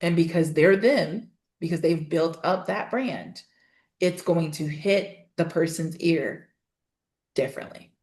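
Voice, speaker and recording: A woman guest on a podcast talking about voice and storytelling, emphatic and animated, with laughing asides. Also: lowish voice, slow pace. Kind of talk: casual interview chat. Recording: roomy echo.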